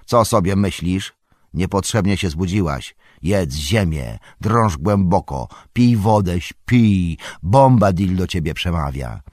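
A man voicing Tom Bombadil, booming and merry. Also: lively intonation, slow, a little mellow, dry recording, studio quality, heavily acted. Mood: commanding. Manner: booming, singsong, merry and bossy. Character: jolly, boisterous, bearded old forest spirit-man. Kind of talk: audiobook character voice.

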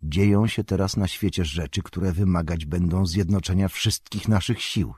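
A weary old wizard voiced by a man reading an audiobook speaks in a low, measured, grave way. His voice is deep and husky, and the recording is dry and close. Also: a little mellow, no echo.

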